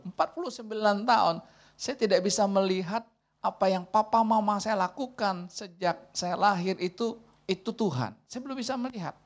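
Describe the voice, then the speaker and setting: Lively woman pastor preaching conversationally. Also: medium pitch. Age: 40s. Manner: lively, conversational preaching with laughter and quoted dialogue. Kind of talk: sermon.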